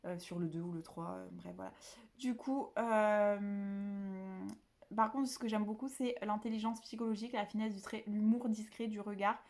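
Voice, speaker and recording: A woman from the south of France talks casually to her camera about books. She rambles, restarts her sentences and fills pauses often. Her voice sits at an ordinary middle pitch. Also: fairly even intonation, a little mellow. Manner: chatty, rambling, many fillers and restarts. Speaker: book vlogger.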